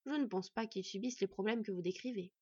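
A woman voicing a calm, matter-of-fact talking raven that explains things. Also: mid-range voice, breathy edge, dry recording, lightly acted. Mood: explaining. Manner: explanatory, measured. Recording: dull lo-fi recording.

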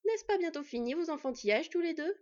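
A woman's voice: sits high, animated, moderate pace, creaky, dark tone, pitched above the performer's own voice. Woman voicing a stern scolding she-wolf. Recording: dull lo-fi, dry.

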